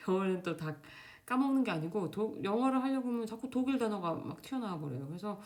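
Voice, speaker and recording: A young woman talking casually to camera at home, quick and loose with many fillers and restarts. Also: medium pitch, lively intonation, darkish tone. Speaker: Korean doctor in Germany giving exam advice. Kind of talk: casual unscripted vlog talk. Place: home, indoors. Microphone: camera facing speaker.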